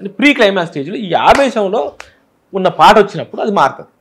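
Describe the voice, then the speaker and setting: A high-voiced man with a Telangana Telugu accent talks quickly and with a lot of movement in his voice. He is a film director in an interview, explaining his choices with examples from village speech. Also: very animated, a bit bright, slightly rough. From Telangana, India.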